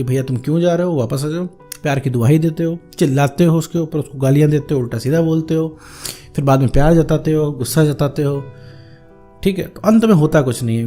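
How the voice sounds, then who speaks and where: Fast-talking man giving breakup advice. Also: fairly high pitch, dark tone. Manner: informal, addresses viewer as "bhaiya" and "my friend"; repetitive, emphatic phrasing. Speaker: relationship advice host. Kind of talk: direct-address advice talk.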